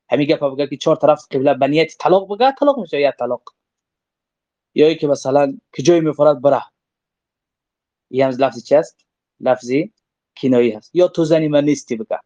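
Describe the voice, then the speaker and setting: A man's voice: a little high, darkish tone, no echo. A man teaching a religious legal text. He reads short Arabic passages and then explains them in a casual, conversational way with everyday examples. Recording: dull lo-fi dry recording.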